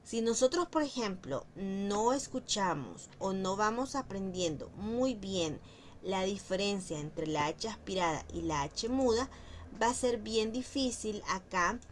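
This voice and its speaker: A woman teaching a French language lesson, explaining pronunciation slowly and repeating example words for drilling. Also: medium pitch, expressive, slight background noise.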